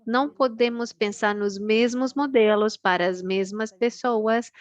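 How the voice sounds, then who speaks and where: A woman giving an earnest, deliberately paced talk as a panelist at an online meeting, slowing down so interpreters can follow. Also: on the high side, dry recording, muffled recording. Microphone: video call.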